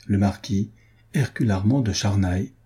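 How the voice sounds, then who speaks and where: A man reading as an elderly nobleman addressing his son by letter. The tone is grave and solemn. The voice is low, dark and husky. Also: normal speed.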